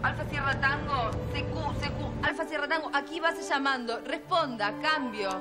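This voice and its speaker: Radio operator over a crackly two-way radio, argentine accent, very high voice, urgent and scolding. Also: female voice, normal speed, over loud music. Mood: calling. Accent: Argentine Spanish. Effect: heard over a two-way radio. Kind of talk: telenovela acting.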